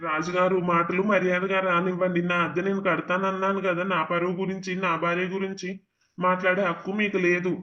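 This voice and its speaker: A man's voice: high-pitched, level tone, brisk, sharp tone, highs cut off. A man voicing a humble, desperate young husband in a cartoon, polite and pleading. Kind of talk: animated cartoon voice acting.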